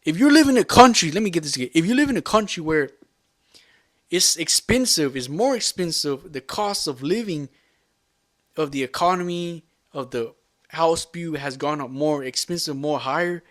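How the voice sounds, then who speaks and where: A vlogger with a slightly high voice rants loosely to the camera in an unscripted way, rambling, repeating himself, and swearing for emphasis. The clean studio-quality sound has no room echo.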